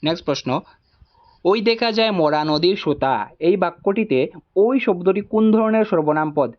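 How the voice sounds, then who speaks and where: A man tutor walking through exam answers, repeating each option deliberately. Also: high voice, dull audio.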